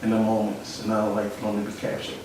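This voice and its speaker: Philly guy talking slangy about growing up, lowish voice, echoey room, mic kinda far. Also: monotone, quick pace, noisy background. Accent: Philadelphia. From Philadelphia. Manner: reflective, repeats phrases, slangy. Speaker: interviewee, photographer. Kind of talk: casual interview. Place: studio room.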